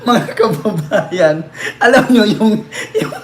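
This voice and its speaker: A man's voice: high-pitched, animated, slow, reverberant. A man giving mocking, crude political commentary to his viewers, laughing often and teasing.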